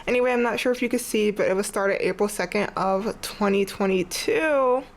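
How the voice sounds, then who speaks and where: A young woman art vlogger, congested and sniffly, shows her sketchbook from her bed in a casual tour. Her mid-range voice moves at a moderate pace and sounds stuffy as she chats and rambles, saying "like" often.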